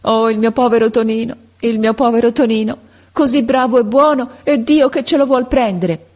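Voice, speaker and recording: Woman reading as a sobbing storybook mother, heartbroken, voice high and strained. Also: normal speed, darkish tone, close to an everyday voice. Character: sobbing mother of a dying boy.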